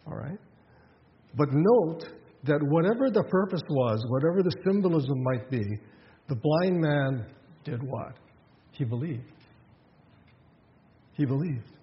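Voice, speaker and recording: A man's voice: a little high, lively intonation, measured pace, long pauses, long reverb tail, highs cut off, a little hiss or hum. A man preaching a sermon in a conversational way, with rhetorical questions and frequent restarts. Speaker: pastor.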